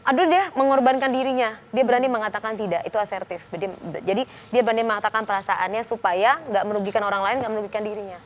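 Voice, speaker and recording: A woman's voice: mid-range voice, slight background noise. A woman explaining behavior as a guest on a television talk show, walking through ideas and acting out short imagined exchanges. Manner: explanatory, quick, quotes imagined dialogue.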